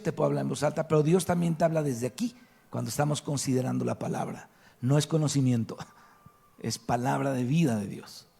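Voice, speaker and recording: Gravelly, husky Mexican preacher. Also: male voice, fairly high pitch, a little mellow. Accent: Mexican Spanish. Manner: emphatic preaching, rhetorical questions to the congregation. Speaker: pastor. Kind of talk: sermon. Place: church hall.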